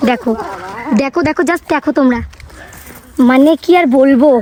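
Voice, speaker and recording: A woman vlogging casually outdoors on a hillside, chatting excitedly to her viewers through a phone camera. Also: high-pitched, moderate pace. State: out of breath on a climb. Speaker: travel vlogger. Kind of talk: casual travel vlog.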